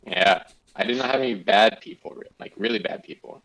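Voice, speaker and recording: A man co-hosting a gaming podcast, talking in a playful, rambling way with lively jumps in pitch. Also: a little fast, poor audio. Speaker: podcast co-host. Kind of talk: casual gaming chat.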